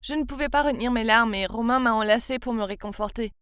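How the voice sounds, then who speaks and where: A woman's voice: fairly high pitch, fast, fairly bright tone, smooth, no room sound, studio quality. A woman in her twenties from France, narrating her own story in the first person with a confiding, emotional manner. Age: 20s.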